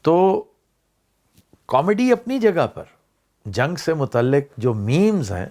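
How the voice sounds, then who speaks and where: An older man talks through his thoughts in a casual vlog. His voice sits fairly high and swings widely, climbing on emphatic points and dropping low to close each thought. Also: sing-song, darkish tone. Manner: discursive, rising and falling emphasis, mixes in English words. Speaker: vlog host.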